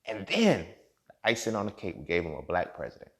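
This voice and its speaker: A man in his thirties giving a profane, impassioned monologue as a podcast host, swinging from low muttering to loud outbursts. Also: wildly swooping pitch, a little fast. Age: 30s.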